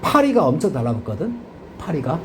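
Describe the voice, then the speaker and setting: Lively Korean man teaching English grammar. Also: on the high side, brisk, slight background noise. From South Korea. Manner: constant checking questions to students. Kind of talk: classroom grammar lecture.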